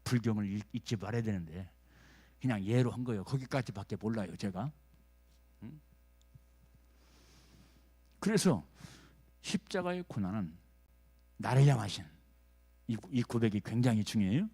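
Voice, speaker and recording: A man, a pastor preaching a sermon in a folksy manner, checking in with the congregation and swinging from loud urging to hushed lines. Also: fairly low pitch, lively intonation, fairly quick, long pauses, slightly rough.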